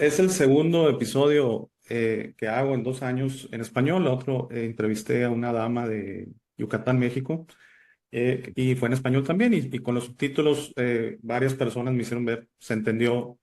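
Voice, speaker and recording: This is a casual interview chat led by a host, a man from Italy who was raised elsewhere. His mid-range voice has a darkish tone and moves at normal speed, and he talks chattily with plenty of fillers and restarts.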